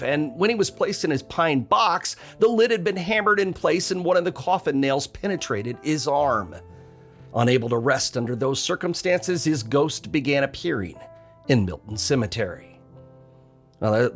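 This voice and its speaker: A man hosting a podcast, narrating a ghost story in a dramatic style with wry, chuckling asides. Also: medium pitch.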